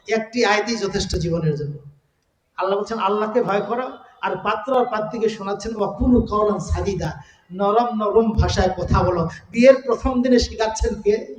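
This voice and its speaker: A man delivers a fervent sermon in a strikingly high voice and keeps asking his listeners rhetorical questions. He draws out the verses he quotes in a singing chant. The sound carries a long, echoing reverb, as if recorded in a large hall. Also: fairly bright tone, a little hiss or hum. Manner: asks the crowd rhetorical questions. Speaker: preacher.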